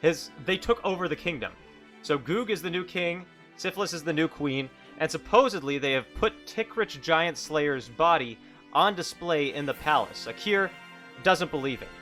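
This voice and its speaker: A man's voice: fairly high pitch, animated, bright, forceful tone, faint music behind. Hungover man narrating a solo tabletop game. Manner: halting, self-correcting.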